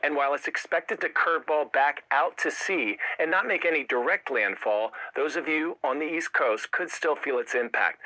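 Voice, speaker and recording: A man's voice: a little high, bright, forceful tone, low-quality recording. An American man anchoring a scripted news show in an upbeat, punchy, enthusiastic way.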